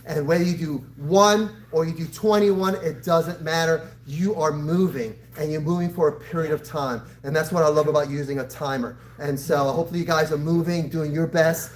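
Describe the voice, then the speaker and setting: A karate instructor in his sixties speaks to his class in a fairly high, steady voice at normal speed with few pauses. During this live fitness session, he coaches and motivates his students directly and encouragingly.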